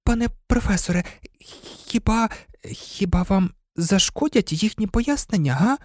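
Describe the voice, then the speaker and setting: A man's voice: high-pitched, lively intonation, a little slow, no room sound, studio quality, pitched above the performer's own voice. A man reading aloud, voicing a timid young schoolgirl who speaks hesitantly and barely above a whisper.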